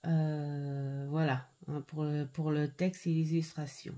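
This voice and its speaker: A middle-aged woman chatting casually at home as she reviews an oracle card deck, pausing often with fillers and restarts. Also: deep voice, level tone, mellow. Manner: hesitant, full of "euh" fillers and restarts. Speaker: tarot and oracle card vlogger. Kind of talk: casual unboxing and review chat.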